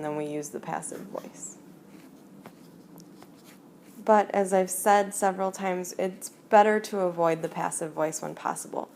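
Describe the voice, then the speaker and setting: A woman teacher explaining grammar in a screencast lesson, slow and deliberate as she writes out examples. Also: fairly low pitch, darkish tone, slight background noise. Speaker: French teacher.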